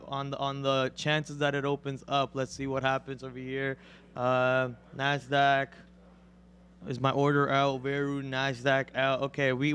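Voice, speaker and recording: Live on stream, this young co-host narrates his day trading with breathless, quick play-by-play and running price call-outs. His voice is scratchy from a cold and spikes loud and high whenever a stock moves.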